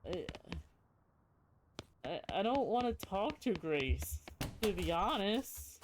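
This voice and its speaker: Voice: medium pitch, very animated, takes it slowly, noisy background. Hesitant game streamer thinking aloud. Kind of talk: casual playthrough commentary, reading game text aloud.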